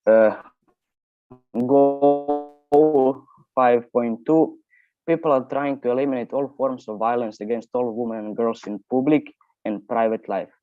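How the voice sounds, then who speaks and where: A man's voice: mid-range voice, mellow, dry recording. A young man from Croatia, a student speaker, hesitantly reading a prepared speech over a video call. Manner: hesitant, halting reading with fillers. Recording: dull lo-fi call audio.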